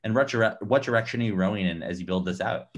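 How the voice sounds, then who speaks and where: A man's voice: fairly low pitch, quick pace. A young man hosting a video call interview from a room at home, asking questions casually with fillers. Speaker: podcast host. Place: home room with ceiling fan.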